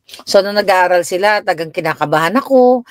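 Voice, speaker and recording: A middle-aged woman from the Philippines chatting casually on a live stream, telling stories about her grown children and answering viewers, her voice jumping higher when she quotes herself. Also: expressive, fairly quick, dry recording, studio quality. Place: home in the United States.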